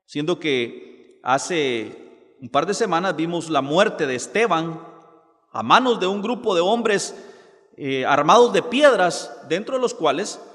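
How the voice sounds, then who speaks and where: High-voiced preacher in an echoing hall. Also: male voice, fairly bright tone. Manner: preaching with dramatic slow quotations. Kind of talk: sermon.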